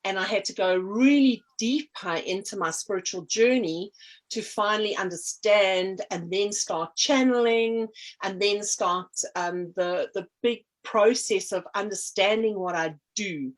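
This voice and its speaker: As a guest in an interview, a middle-aged South African woman who works as an energy healer and artist talks casually. She meanders, with many ums and restarts. Her voice is medium in pitch and her pace measured.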